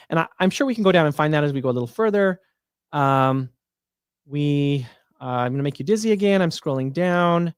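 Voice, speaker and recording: A man's voice: fairly high pitch, dry recording, clean studio sound. A man hosting a livestream, casually walking viewers through insurance plans while thinking aloud with fillers and restarts. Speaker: Medicare plan advisor hosting a livestream.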